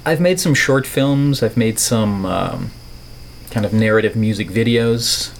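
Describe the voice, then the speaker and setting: A middle-aged Dutch man with a neutral American accent, appearing as a podcast guest who works as an artist and filmmaker. His lowish voice is unhurried, with vocal fry and a faint hiss or hum in the background. He speaks reflectively and playfully, favoring wordy turns of phrase.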